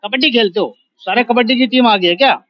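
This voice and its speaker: A man's voice: extremely high pitch, quick pace, no echo. Playful man interviewing kids, dull sound. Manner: playful and cheering, hesitant fillers. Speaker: reporter interviewing schoolchildren. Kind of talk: casual interview.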